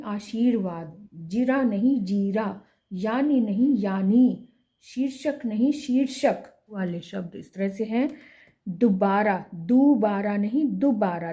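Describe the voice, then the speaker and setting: A woman teaching Hindi grammar, explaining spelling mistakes slowly and deliberately and repeating each corrected word for emphasis. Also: medium pitch, dark tone.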